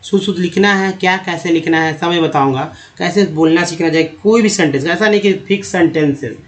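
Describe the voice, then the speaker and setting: A man's voice: a little high, a little fast. A man teaching English pronunciation in Hindi, stretching and repeating example words step by step while addressing viewers as friends. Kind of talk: Hindi-language pronunciation lesson.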